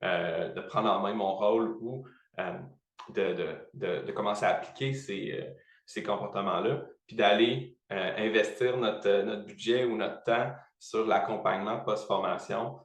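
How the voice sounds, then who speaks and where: Creaky low Quebec man, roomy sound. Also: steady tone. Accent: Quebec French. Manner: halting, repeats words while searching. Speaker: podcast guest, training professional. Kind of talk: conversational interview answer.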